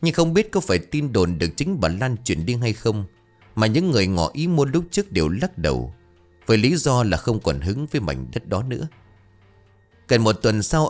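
A man narrating a ghost story in an expressive, dramatic way. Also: fairly low pitch.

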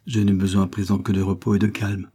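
Man doing sad tired governess lady, husky, half whispering, dark voice. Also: low-pitched, flat delivery, fast. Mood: sorrowful. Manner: weary, sad, sometimes whispered. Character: sorrowful frail woman governess hiding her past.

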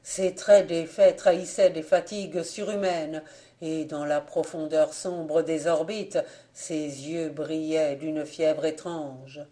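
A man narrating an audiobook of an old folk tale in a slow, measured and dramatic way. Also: fairly high pitch, flat delivery, mellow. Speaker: audiobook reader.

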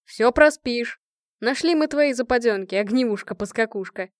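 A woman voicing a cheerful, loud male colonel who teases with mocking nicknames. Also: fairly high pitch, moderate pace, no echo, clean studio sound, lightly acted. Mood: jovial teasing.

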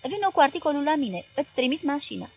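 A woman voicing a loud, blustering man who owns a newspaper, talking in a bellowing, impatient way. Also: very high voice, very animated, gravelly, highs cut off, faint music behind, voice pushed up, exaggerated voice. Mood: grave.

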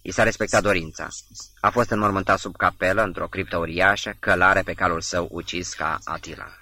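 A man narrating a novel as an audiobook, reading in a measured, literary manner. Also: deep voice, fairly even intonation, sharp tone, no echo. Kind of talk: scripted narration.

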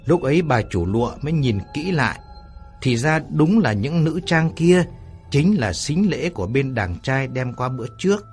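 Expressive storyteller man. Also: medium pitch, normal speed, faint music behind. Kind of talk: audio story narration.

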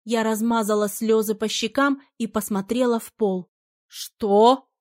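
A woman narrating a first-person fantasy novel in a lively, expressive way. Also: a little high, moderate pace, dry recording, clean studio sound. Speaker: audiobook narrator.

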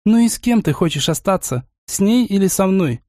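A fiery, jealous young grand duchess, voiced by a male narrator in a raised, strained pitch. She scolds and mocks in a sharp tongue. The sound is dry and close. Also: moderate pace, dry recording, close to an everyday voice. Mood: scolding.

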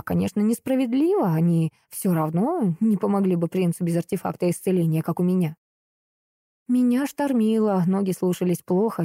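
A woman reading a first-person novel aloud, with expressive, wry storytelling. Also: medium pitch, dry recording, clean studio sound. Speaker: audiobook narrator.

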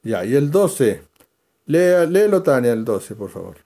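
A man's voice: mid-range voice, big pitch swings, measured pace, mellow. A man leading a verse-by-verse Bible study, explaining and calling on readers by name.

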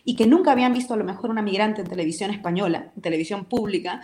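A woman speaking as a guest in an interview, talking in an emphatic and expressive way. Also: medium pitch, rapid-fire, roomy sound. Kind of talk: casual interview talk.

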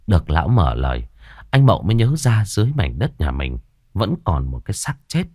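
A man narrating a ghost story audiobook in an expressive, dramatic manner. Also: low-pitched, fairly quick, slightly rough, dry recording, studio quality.

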